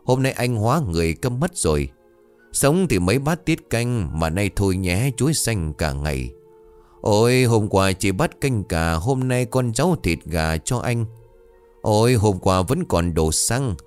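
In a storybook tale, a deep-voiced man plays a young villager hired to mourn, wailing the funeral lament in a drawn-out, sing-song way.

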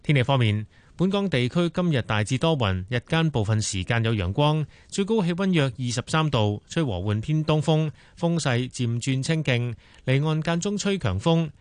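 Guy reading weather on radio, steady, mid voice, super dry sound. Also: medium pitch, clean tone, dry recording. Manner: steady, measured delivery. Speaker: newsreader. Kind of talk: scripted news and weather read. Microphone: close studio mic.

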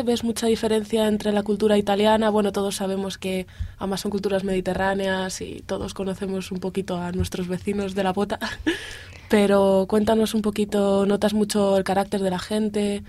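A woman's voice: mid-range voice, little pitch movement, normal speed, warm tone, a little hiss or hum. A woman hosting a university radio programme, greeting listeners and asking the guest questions in a friendly, conversational way. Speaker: radio host.

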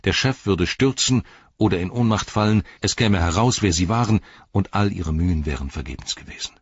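A man narrating an audiobook in a measured, dramatic storytelling manner. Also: low voice, muffled recording, a little hiss or hum. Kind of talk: scripted narration.

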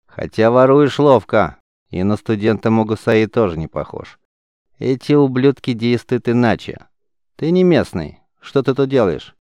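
A man voicing a calm, stern teenage gang leader who questions curtly, in an audiobook. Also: mid-range voice, measured pace, clear, resonant tone, dry recording, lightly acted. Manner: curt, commanding, questioning.

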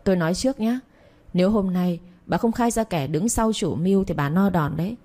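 Stern young master, woman reading, cold commanding questions, mellow low voice. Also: brisk, natural voice.

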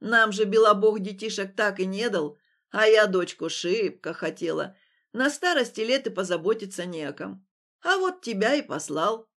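A woman playing a gruff, scolding old village woman. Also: medium pitch, lively intonation, normal speed, fairly bright tone. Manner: brusque, scolding.

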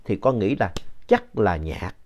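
A man's voice: fairly low pitch, unhurried. Man telling a ghost story. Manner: lively, conversational retelling with asides. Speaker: story reader. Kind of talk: spoken ghost story narration. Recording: dull lo-fi sound.

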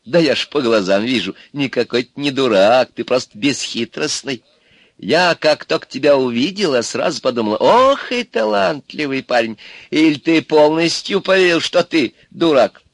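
A man voicing a scheming, cruel old witch in an audiobook, with a hoarse, coaxing voice that turns shrill. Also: lively intonation, normal speed, no room sound. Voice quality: hoarse laugh. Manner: coaxing, then shrill and shouting. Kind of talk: audiobook character voice.

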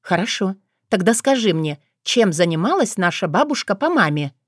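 Woman reads a storybook older sister, teasing and blunt, lively pitch, dry recording. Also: normal speed, no echo. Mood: lecturing. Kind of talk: audiobook character voice.

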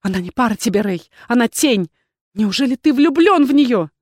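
A woman voicing a jealous, abandoned noblewoman who shouts and pleads through tears. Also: expressive, unhurried, vocal fry, no room sound. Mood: furious. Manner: shrill pleading and shouting, tearful.

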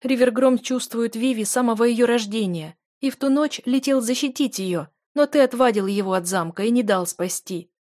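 A woman's voice: medium pitch, flat delivery, normal speed, dry recording, studio quality, lightly acted. A woman reading an audiobook and voicing a young wife in grief and anger, raised and anguished. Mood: furious. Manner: anguished, shouting. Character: young married woman, grieving and furious.

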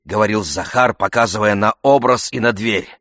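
A man reading a classic novel aloud with a measured, even storytelling manner. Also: lowish voice, no room sound, studio quality. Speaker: narrator.

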